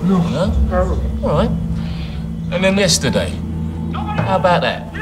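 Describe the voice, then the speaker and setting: An actor playing a menacing male gangster villain who mocks with needling questions, in a film clip under loud music. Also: high voice, sing-song, takes it slowly, distant mic, exaggerated voice. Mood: taunting.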